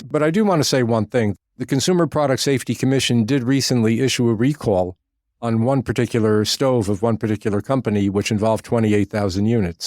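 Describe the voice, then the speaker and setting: A man co-hosting a political podcast, talking in a measured way with frequent pauses. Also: on the low side, a little mellow, no room sound, studio quality. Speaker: podcast co-host.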